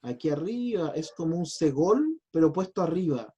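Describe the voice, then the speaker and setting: Mellow-voiced man teaching. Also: fairly high pitch, sing-song, normal speed, breathy edge, dull audio. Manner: patient, explanatory, chatty with restarts. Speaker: pastor teaching biblical Hebrew. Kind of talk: online class lecture.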